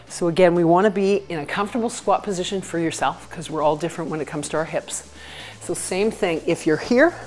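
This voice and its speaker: A woman's voice: fairly low pitch, darkish tone. A woman working as a fitness instructor, leading an exercise class with short, encouraging cues and counted repetitions over workout music. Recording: music behind the voice.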